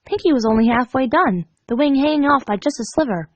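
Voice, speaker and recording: A woman reads fan fiction aloud as an amateur narrator, dramatic and occasionally tripping over words. Her voice is high, expressive and fast, captured in a dull, echoey home recording.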